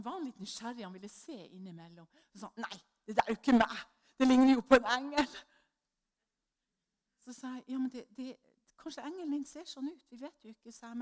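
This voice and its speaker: Woman preaching and telling a lively story. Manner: lively storytelling, acts out quoted voices with jumps in pitch and loudness. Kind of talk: sermon with personal story.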